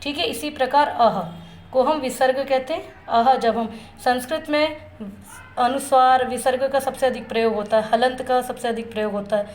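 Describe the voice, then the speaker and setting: A woman teaching a lesson in Hindi, asking her students questions and answering them herself, and reciting each vowel sound slowly and carefully. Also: sits high, steady tone, a little mellow. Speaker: Sanskrit teacher. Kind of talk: classroom-style video lesson. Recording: echoey room with faint background noise.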